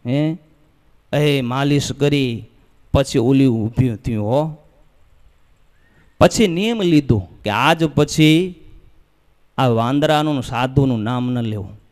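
A man with a Gujarati accent from Kutch, preaching as he tells a religious story in a temple hall, lively and acting out the voices and cries in the tale. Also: mid-range voice, takes it slowly, pauses often. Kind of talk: storytelling sermon. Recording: long hall reverb.

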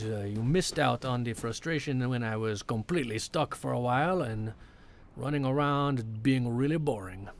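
A man's voice: medium pitch, a little hiss or hum. A man streaming a video game live, commenting casually, playfully mocking himself, and chatting with viewers.

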